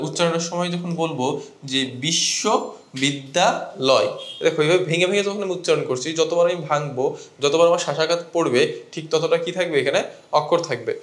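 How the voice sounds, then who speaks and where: Guy teaching grammar to students, kinda high voice, echoey room, keeps asking questions. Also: fairly bright tone. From Bangladesh. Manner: explains step by step, asks students questions.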